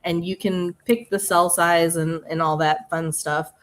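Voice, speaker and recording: A woman with a Midwestern accent hosts a casual livestream, running through announcements in a chatty way. Her voice sits a little low, and she drops in quick asides and laughs as she goes. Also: steady tone, a little hiss or hum. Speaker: livestream host.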